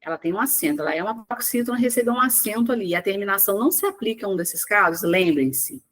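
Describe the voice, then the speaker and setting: A woman teaching an exam-prep lesson online, working through questions word by word, asking and answering her own questions and stretching key words out slowly. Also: mid-range voice, lively intonation, a bit bright. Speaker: Portuguese teacher.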